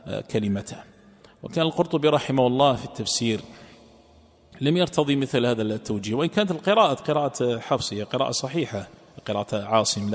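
Man teaching exegesis in reverberant hall. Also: medium pitch. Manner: recites verses slowly, repeats phrases to explain. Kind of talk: religious lesson.

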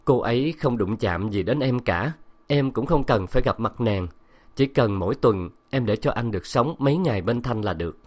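A man reading the lines of a remorseful middle-aged husband, soft and earnest. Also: medium pitch, animated, moderate pace, close to an everyday voice. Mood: soothing.

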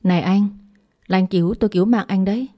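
A woman's voice: medium pitch, fast, mellow, lightly acted. Woman reading as an earnest young woman, pleading. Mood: insistent. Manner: pleading, urgent.

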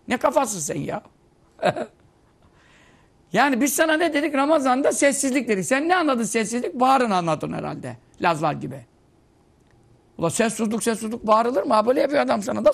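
A man's voice: very high-pitched, creaky. A man giving an informal Ramadan sermon, joking and scolding his listeners through anecdotes. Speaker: preacher.

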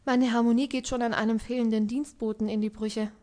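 A busy young hostess, read by a woman in an audiobook. She speaks quickly and lightly in a fairly high voice, warm but rushed. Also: natural voice. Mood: weary. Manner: hurried, lively and tired.

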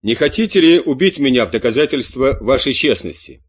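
A man's voice: medium pitch, lively intonation, a little fast, husky. A man voicing a fiery farmer who urges soldiers to fight, in an audiobook reading. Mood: defiant. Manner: urgent, exclaiming, pleading.

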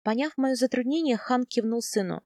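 Female first-person audiobook narrator, fairly high, lively in dialogue, dry booth sound. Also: normal speed, no room sound. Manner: expressive, animated in the heroine's dialogue.

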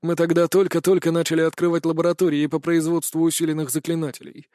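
A cold, rasping old schemer sneers through his confession in an audiobook, as a man reads him. The voice sits a little high, and the sound is dry and close. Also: monotone, fast, dark tone, dry recording, natural voice. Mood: sneering. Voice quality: rasping, scornful. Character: cruel old male high councillor, villain.

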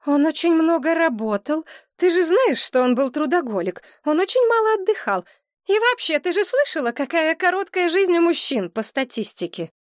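A woman's voice: very high-pitched, sing-song, normal speed, dry recording, studio quality, voice pushed up. A woman voicing an anxious, easily upset widowed mother who pleads shrilly and emotionally in an audiobook. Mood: agitated. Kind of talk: audiobook character reading.

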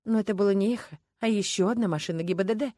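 A woman reading an audiobook in lively, ironic scripted narration. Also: mid-range voice, racing, no echo.

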